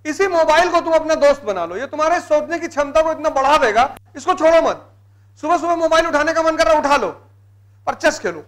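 A high-pitched man with a North Indian Hindi accent lectures students preparing for civil services exams in an emphatic motivational style. He hammers home single words by repeating them, and his voice rings bright and forceful through the classroom. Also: expressive, brisk. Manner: emphatic, repeats key words, mixes in English terms. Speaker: civil services exam teacher. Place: live classroom session.

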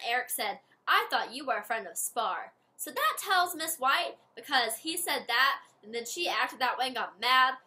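A woman's voice: high voice, sharp tone. A woman teacher giving a read-aloud reading lesson to children, explaining step by step in a friendly way.

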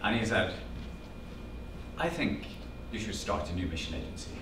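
Low-pitched and speaking at normal speed, this Norwegian-accented man from Norway, in his fifties, shares a personal story with a small audience, animatedly quoting family dialogue and gesturing. Recorded from far off with no visible mic in a classroom-sized meeting room with a projector screen, the audio is echoey and carries a background hum.

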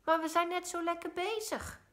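A woman voicing an eager little boy in a children's story, excited and raising his voice. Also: sits high, normal speed, pitched above the performer's own voice.

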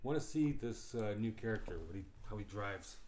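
A man hosting his gaming channel, chatting casually and thinking aloud as he plays, his voice slightly hoarse. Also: on the low side, expressive, moderate pace, darkish tone, a little hiss or hum. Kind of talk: casual gameplay commentary.

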